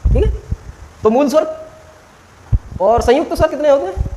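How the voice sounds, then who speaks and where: A man's voice: extremely high pitch, expressive, normal speed, warm tone, slight background noise, poor audio. A man teaching a classroom grammar lesson, quizzing students with short questions and stretching vowels out to demonstrate.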